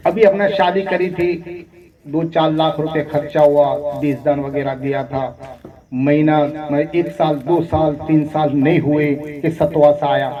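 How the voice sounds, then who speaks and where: A man's voice: on the high side, little pitch movement, measured pace, lo-fi sound. A man preaching a sermon with a Gujarati accent, impassioned, repeating his phrases and putting questions to his listeners. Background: crowd.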